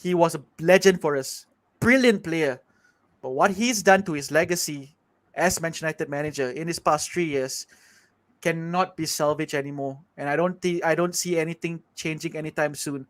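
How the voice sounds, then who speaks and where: High-voiced Malaysian man ranting. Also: moderate pace. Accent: Malaysian English. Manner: emphatic, exasperated, repetitive. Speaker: football show panelist. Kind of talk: passionate fan rant.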